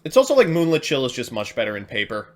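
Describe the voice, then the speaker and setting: A man streaming a card game, chatting casually, reading chat aloud and getting excited. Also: mid-range voice, quick pace. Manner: excitable, chatty, reads chat aloud and laughs at his own jokes. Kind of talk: casual live-stream commentary while playing a card game.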